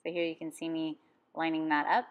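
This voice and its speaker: Calm, low-voiced woman teaching drawing. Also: brisk. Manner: calm step-by-step instruction. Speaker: art teacher. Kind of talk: drawing lesson voice-over.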